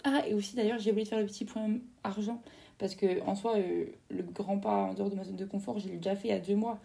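A young French woman chats through her solo podcast, rambling along with fillers and quick self-corrections. Her voice is mellow and gravelly, and she keeps a flat, even tone. She talks like she is catching up with a friend. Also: medium pitch. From France. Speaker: podcast host. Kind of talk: casual solo podcast monologue.

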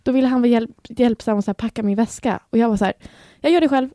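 A woman's voice: fairly high pitch, steady tone, warm tone, no echo, studio quality. A young woman, co-hosting a podcast and telling stories about herself in a candid, self-mocking way. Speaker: podcast co-host. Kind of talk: casual chat.

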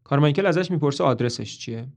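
A man's voice: on the high side, animated, vocal fry. A man narrating a story in a conversational retelling.

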